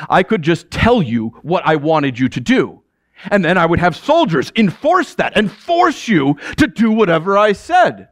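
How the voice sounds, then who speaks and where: A man's voice: sits high, fairly bright tone, no room sound, studio quality. A man playing a proud ancient king who speaks to his subjects in a commanding way and chuckles between statements. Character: proud middle-aged male Persian king addressing his subjects. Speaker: actor in a biblical character monologue. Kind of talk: theatrical first-person monologue.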